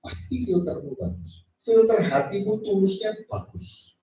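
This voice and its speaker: A man preaching a sermon as pastor, animated, acting out quoted speech and mixing in English phrases. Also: high-pitched, a little slow. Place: church. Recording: echoey church hall from far off, dull sound.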